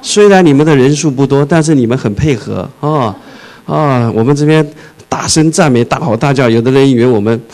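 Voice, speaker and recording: A male pastor preaching a sermon, reading scripture slowly, then joking and acting out scenes, with English words mixed into his speech. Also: mid-range voice, rough recording. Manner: animated, shifts from slow scripture reading to lively jokes and shouting.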